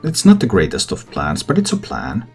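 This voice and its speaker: A man's voice: medium pitch, huge pitch swings, normal speed, vocal fry, darkish tone, slightly rough. A man who hosts gaming videos, giving casual game commentary and thinking aloud. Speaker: gaming content creator and host. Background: background music.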